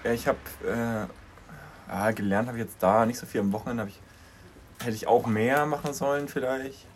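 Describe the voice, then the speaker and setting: A young man co-hosts a relaxed podcast with a friend. He tells animated little stories and keeps breaking into laughter. His voice sits at an ordinary middle pitch. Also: normal speed, slight background noise. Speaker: podcast co-host. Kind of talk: casual chat.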